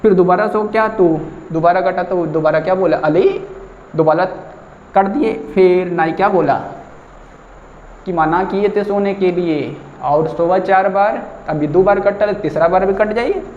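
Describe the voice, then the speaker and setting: A man's voice: high-pitched, normal speed. A male teacher, teaching with stories and asking and answering his own questions. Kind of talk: tutorial lesson with story mnemonics. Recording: echoey, dull lo-fi room with faint noise.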